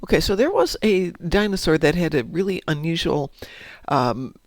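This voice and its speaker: A man from Chicago hosts a livestream, casually chatting while he plays a game and sounding a little stuffy from a cold. His voice is slightly high at a moderate pace with no room sound, and he's chatty and animated, reading viewer comments aloud.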